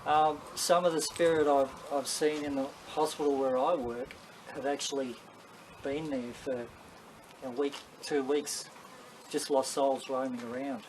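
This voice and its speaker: A man's voice: mid-range voice, fairly even intonation, measured pace, a little mellow. An Australian man giving a casual, rambling, matter-of-fact talk to a group as a paranormal investigator, telling anecdotes. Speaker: paranormal investigator leading a session. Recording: clearly noisy live ambient recording.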